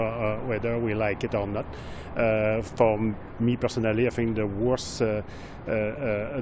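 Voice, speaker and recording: A man giving a hesitant street-interview answer, full of fillers and restarts. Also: fairly low pitch. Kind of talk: street vox pop answer. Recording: outdoors with loud traffic.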